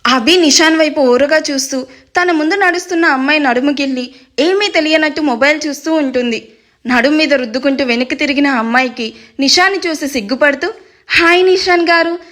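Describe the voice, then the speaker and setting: A woman narrating a serial romance story in a steady, expressive reading. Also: high voice, brisk.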